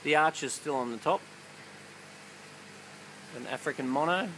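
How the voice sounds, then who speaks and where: A man, an aquarium keeper giving a relaxed, offhand explanation with fillers. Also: on the high side, a little slow, slight background noise, low-quality recording. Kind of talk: casual on-site explanation.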